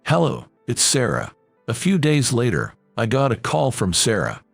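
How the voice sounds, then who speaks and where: A man's voice: mid-range voice, wildly swooping pitch, normal speed, creaky, slightly rough, dry recording, faint music behind. A man reading a first-person drama story aloud as narrator, voicing every character in the same plain voice.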